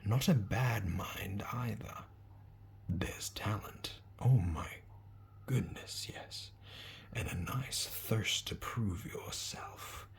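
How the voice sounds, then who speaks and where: A man voicing an old, wise talking hat, in a slow, breathy whisper that muses over each word. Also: on the low side, full character voice. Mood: musing. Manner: slow, musing, drawn out. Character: ancient magical talking hat, male, wise, probing.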